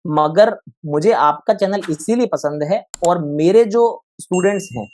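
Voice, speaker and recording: A man's voice: high-pitched, unhurried, darkish tone. A man speaking as an educator guest in a conversational interview, candid and opinionated, explaining at length. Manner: candid, opinionated, talks in long explanatory runs.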